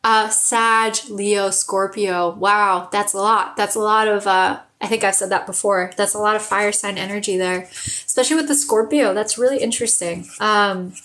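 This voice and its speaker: A woman's voice: mid-range voice, fairly even intonation, moderate pace, fairly bright tone, slight background noise. A young woman from Germany who calls viewers "babe" and gushes over them while giving a casual live tarot and astrology reading.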